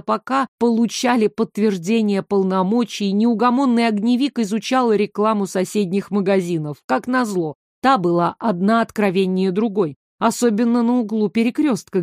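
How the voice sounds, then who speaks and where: A woman narrating a fantasy audiobook in a steady, expressive storytelling way. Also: medium pitch, no echo, clean studio sound. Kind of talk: scripted narration.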